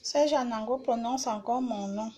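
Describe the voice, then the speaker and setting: High husky lady on a phone live, blunt and repetitive, trash-talking. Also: normal speed, dark tone. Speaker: live-stream host. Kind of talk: casual live-stream rant.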